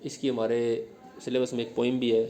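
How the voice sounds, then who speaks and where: A male teacher with a medium-pitched, mellow voice speaks briskly in a completely flat delivery. He's giving an exam-prep lecture, explaining each step in turn and drilling students with questions, often pausing to ask "ठीक है?".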